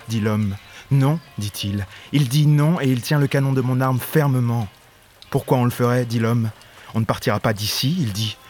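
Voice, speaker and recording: An actor playing an armed man who coldly recounts a killing in a theatrical monologue, with flat, insistent repetition. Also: medium pitch, natural voice. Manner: flat, insistent repetition, shouts quoted lines. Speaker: stage actor.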